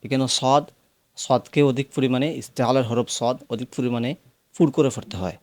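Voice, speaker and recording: A man with a Bangladeshi accent teaching how to pronounce the call to prayer, explaining the rules plainly and then chanting long, drawn-out phrases as examples. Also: medium pitch, fairly even intonation, no room sound. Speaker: azan teacher. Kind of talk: instructional teaching with sung demonstrations.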